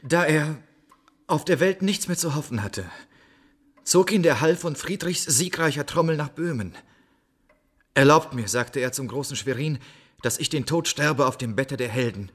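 An actor playing a solemn stranger who recounts grim news in a radio play, with a husky voice. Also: male voice, on the high side, normal speed. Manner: solemn storytelling. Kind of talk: classic radio play acting.

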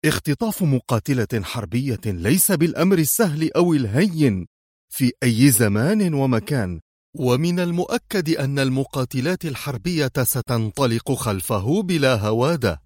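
A man's voice: medium pitch, expressive, moderate pace, a little mellow, no echo, studio quality, natural voice. A man reading a storybook voices an anxious female spy who answers her boss in a worried, nervous way. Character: anxious, tense female spy, loyal aide.

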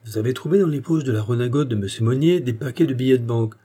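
Audiobook role: man voicing a sharp, self-assured detective, dark husky tone. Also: mid-range voice, close to an everyday voice. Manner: brisk and assured. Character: shrewd, brisk male detective. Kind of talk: audiobook character reading.

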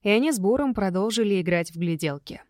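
A woman reading a first-person fantasy audiobook aloud, telling the story in an expressive way. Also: medium pitch, fast talker, no room sound, studio quality. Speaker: audiobook narrator.

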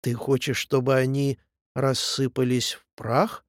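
A man voicing a nervous old male hill in a storybook, hushed and pleading as he scolds his own echo. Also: medium pitch, level tone, unhurried, studio quality, close to an everyday voice. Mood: hushing.

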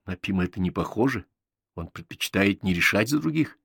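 A man's voice: sits low, lively intonation, fairly quick, vocal fry, fairly bright tone, slightly rough, no room sound, studio quality, exaggerated voice. A man reading an audiobook, voicing a bossy, playful thirteen-year-old girl who lectures. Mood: cool.

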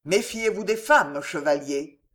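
A reader voicing a stern old soldier father who gravely lectures his son in a storybook reading. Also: mid-range voice, lively intonation, measured pace, a bit bright. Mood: lecturing. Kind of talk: audiobook character reading.

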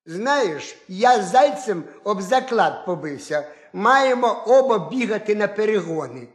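A man's voice: high-pitched, expressive, measured pace. A man doing a sly boastful hedgehog. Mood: scheming. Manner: confident, coaxing. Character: boastful crafty male hedgehog, calm and sly. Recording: roomy echo.

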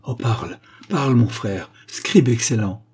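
A man's voice: medium pitch, lively intonation, a little slow, a little mellow, slight background noise, close to an everyday voice. A man voicing a lovesick young man who speaks with vehement anguish.

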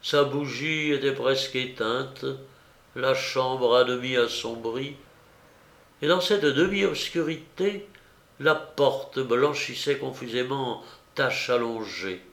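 A man reading a literary novella aloud in slow, measured, grave narration. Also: medium pitch, fairly bright tone, reverberant. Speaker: audiobook reader.

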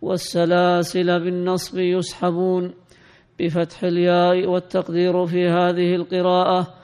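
A man reading a classical text aloud to his teacher in a steady, lilting recitation. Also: sits high, normal speed, smooth, in a large hall.

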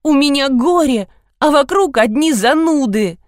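A whiny, touchy teenage girl, put on by a woman reading a storybook, her voice pitched higher and full of melodramatic complaint. Each sentence swings up and down, sulking one moment and insisting the next. The sound is dry and close. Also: expressive, unhurried, dry recording. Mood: tearful. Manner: whiny, dramatic.

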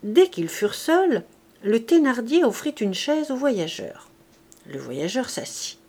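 A woman reading a classic novel aloud as an audiobook, in a measured, expressive way. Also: on the high side. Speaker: audiobook narrator. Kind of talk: literary audiobook narration.

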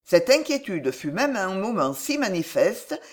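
A narrator reading a historical novel aloud in a measured, expressive way. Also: mid-range voice. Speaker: audiobook narrator.

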